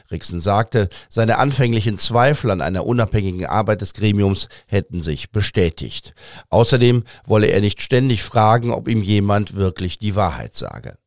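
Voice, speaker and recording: A man's voice: fairly low pitch, no echo, clean studio sound. A man hosting a news podcast, presenting scripted news.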